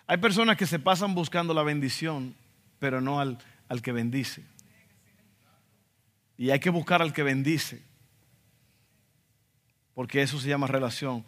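A Dominican pastor with a mid-range, slightly bright voice preaches at a measured pace, leaving long pauses. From the Dominican Republic and speaking with a Dominican accent, he is emphatic and acts out quotes in asides. The sound reverberates through the church sanctuary hall.

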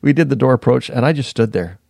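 A man in his fifties, a podcast guest, reflectively recounting his past in a casual interview, pausing and restarting sentences. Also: mid-range voice, animated, creaky, a little mellow, no room sound, clean studio sound. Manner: reflective, unhurried, often pauses and restarts mid-sentence.

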